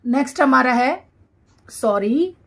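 A woman teacher, reading English words one by one for a dictation lesson and repeating each one clearly. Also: high-pitched, animated, a bit bright. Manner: reads each word slowly and repeats it.

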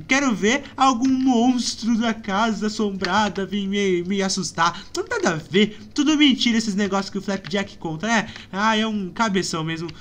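A man with a Brazilian accent doing let's play commentary, excitable and often breaking into frightened screams and cries. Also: high voice, normal speed, few pauses, slight background noise. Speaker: gaming YouTuber.

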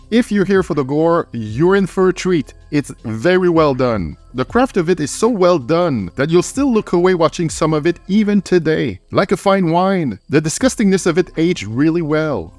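A man's voice: on the high side, dry recording. A man giving a scripted film review as host, with wry, slangy, crude humour, close on the microphone. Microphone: close microphone, voice-over. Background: faint music.

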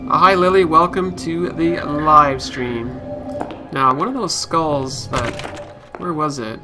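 Over background game music, a man streams a let's play, reading the game's text out loud and murmuring short reactions to himself. His voice is a little high and his pace slow.

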